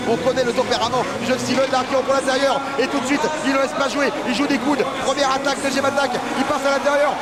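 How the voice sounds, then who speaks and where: A man giving excitable, emphatic live motorsport commentary, full of superlatives, as a race commentator. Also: very high-pitched. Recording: loud crowd and engine noise behind. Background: crowd and vehicles at a race event.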